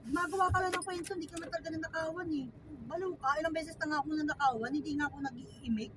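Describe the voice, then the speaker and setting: A Filipina woman telling a story in casual chat, animated and quoting people. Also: high voice, very fast. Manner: animated storytelling with acted quotes. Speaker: storyteller recounting a theft. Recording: distant mic with loud road noise.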